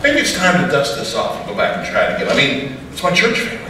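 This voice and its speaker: A man's voice: mid-range voice, wildly swooping pitch, fast, bright, forceful tone. A middle-aged American man from Wyoming performs cowboy poetry and folksy stories live, projecting to a room in a self-deprecating way. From Wyoming, USA. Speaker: cowboy poet performing at a church talent show. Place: large church auditorium stage, indoors. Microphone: distant audience camera. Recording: echoey hall from far off, noisy.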